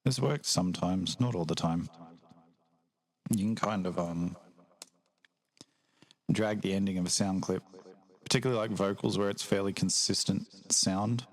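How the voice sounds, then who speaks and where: A man with a croaky morning voice, casually explaining how he edits his vocals during a live stream, in a relaxed and chatty way with lots of fillers. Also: low-pitched, normal speed, long pauses, rough recording. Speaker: musician explaining vocal editing.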